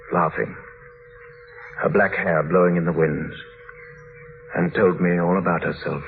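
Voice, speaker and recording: Playing a tormented husband in an old radio drama, a male actor uses a low, gravelly, full character voice for a grave, halting, dramatic confession. The mood is bitter and tormented, and the vintage recording is muffled and noisy.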